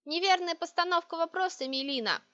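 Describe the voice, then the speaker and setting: A woman with an extremely high, bright, forceful voice pushed upward speaks briskly as an imperious, sarcastic young sorceress, cold and demanding in her tones and cutting in mood. The recording is dry, dull and lo-fi.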